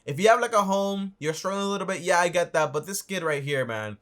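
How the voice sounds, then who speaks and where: A man's voice: high voice, lively intonation, fast talker, a bit bright. A man hosting a reaction show, chatting casually and rambling, repeating himself and tossing in okay and like. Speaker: host reacting to a video.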